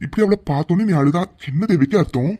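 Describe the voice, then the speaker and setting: A man voicing a calm, soothing middle-aged father in a cartoon. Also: on the high side, fast talker, husky. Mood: patient. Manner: soothing, patient. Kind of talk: cartoon voice acting.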